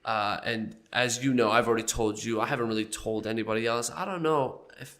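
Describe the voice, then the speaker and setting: Fighting a cold, this young podcast host sounds congested and faintly nasal as he jokes around casually, with an occasional cough. He speaks fairly quickly in a mid-range voice that has a fairly bright tone.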